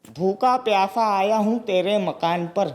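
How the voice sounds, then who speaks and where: A man's voice: high-pitched, a little slow. A man reciting humorous verse as a comic poet, repeating lines for effect. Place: stage show before a live audience. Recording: stage microphone with audience and background noise.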